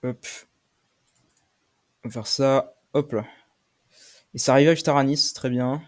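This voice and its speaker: A young man commentating his own game play, swearing often and shouting when he loses. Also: mid-range voice, steady tone, slow. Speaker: gaming streamer.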